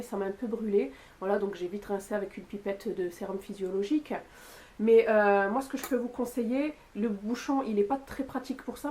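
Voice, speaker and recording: A woman vlogger chatting casually to camera about makeup she bought, with lots of fillers and pauses. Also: mid-range voice, mellow. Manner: chatty, with frequent fillers and "voilà". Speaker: beauty youtuber. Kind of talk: casual product haul talk to camera.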